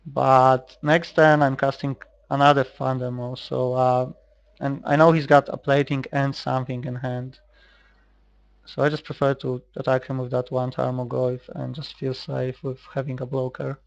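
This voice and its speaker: While recording his online card game, a man from Poland, speaking with a Polish accent, thinks aloud in casual, hesitant commentary. His gravelly voice sits at a medium pitch with little movement and a normal speed. The recording has no room sound and its highs are cut off.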